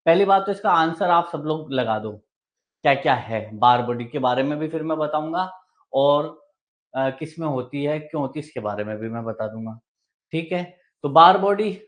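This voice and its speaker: A man's voice: a little high, expressive, measured pace. A male teacher running a live online exam-prep class, explaining step by step, repeating key terms and answering his own questions. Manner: mixes English technical terms into Hindi speech. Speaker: medical exam coaching teacher.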